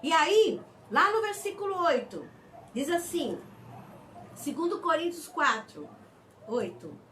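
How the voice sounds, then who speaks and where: A woman pastor preaches a sermon, slowing down on key words and asking the congregation for amens. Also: high-pitched, big pitch swings, fairly bright tone. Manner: preaching with slow emphatic stresses and calls of amen. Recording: mic somewhat distant, faint background noise.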